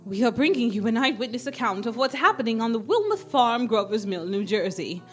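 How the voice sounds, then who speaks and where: An actress playing a composed radio studio announcer reading bulletins in a formal, measured way for a radio drama. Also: female voice, on the high side, very animated, fairly bright tone, faint music behind. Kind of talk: 1930s radio news announcing.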